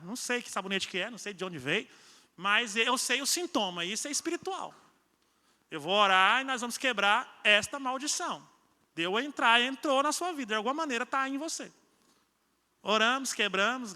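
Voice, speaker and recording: High bright-voiced preacher in a reverberant hall. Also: male voice. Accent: Brazilian Portuguese. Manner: conversational preaching with acted-out quarrels. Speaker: pastor. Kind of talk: sermon. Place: church hall. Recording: long church-hall reverb.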